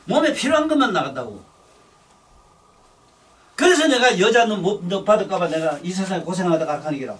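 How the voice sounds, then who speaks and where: A man's voice: sits high, very animated, brisk, long pauses, recorded from a distance. An older man with a Busan accent, giving a rambling dharma sermon in a blunt, scolding, coarse-spoken way. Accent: Gyeongsang (Busan). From Busan, South Korea. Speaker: Buddhist dharma teacher.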